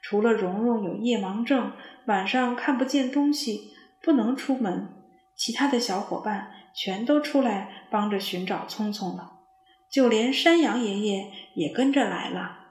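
A woman telling a children's story in a slow, expressive reading voice. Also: medium pitch, roomy sound.

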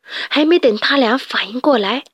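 A woman storyteller reading a children's story aloud with gentle, expressive narration. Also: sits high, moderate pace, breathy edge, no room sound.

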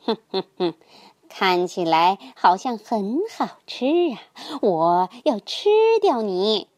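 A woman's voice: medium pitch, expressive, slow, darkish tone, no echo, clean studio sound. A woman voicing a hungry, menacing male snake in a children's story, gloating and drawing out his threats.

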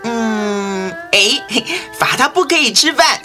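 A woman's voice: a little high, lively intonation, slow pace, over music. A woman voicing a spoiled little boy who whines and makes demands in a storybook drama. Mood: gleeful. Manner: whiny, demanding, giggly.

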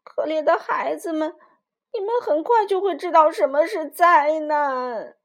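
A woman's voice: high-pitched, measured pace, voice pushed up. A woman doing a blustering, panicked innkeeper rooster. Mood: alarmed. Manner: loud, insistent and alarmed. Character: frightened, blustering innkeeper rooster, male adult.

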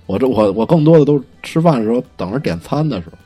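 A man with a Beijing accent chatting casually and telling anecdotes in a colloquial, lightly profane, animated way. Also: mid-range voice, very fast, breathy edge, soft background music. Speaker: podcast co-host.

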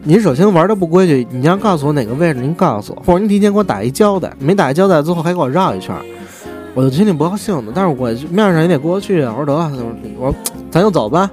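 A man's voice: on the high side, lively intonation, rapid-fire, darkish tone, soft background music. A man with a Beijing accent telling a long personal story in casual monologue, acting out the dialogue in a chatty, wry way. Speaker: podcast host.

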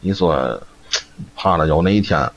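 A hushed old widow confides in a low, quiet, deep voice, as a male storyteller puts her on. The audio is dull and lo-fi with faint noise. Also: measured pace. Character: hushed old widow who sees ghosts.

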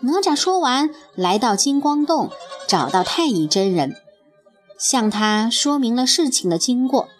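Lively high-voiced woman telling a children's story. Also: unhurried. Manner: expressive, lilting delivery. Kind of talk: scripted storybook narration for children. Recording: faint music bed.

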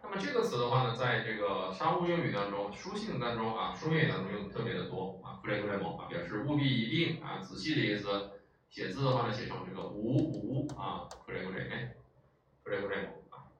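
A man's voice: fairly low pitch, animated, quick pace, a bit bright. A man teaching a language lesson in a lecture style, explaining patiently and checking in with his listeners often. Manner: explanatory, frequent filler sounds and rhetorical checks. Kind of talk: classroom lecture. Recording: echoey room, far from mic, faint noise.

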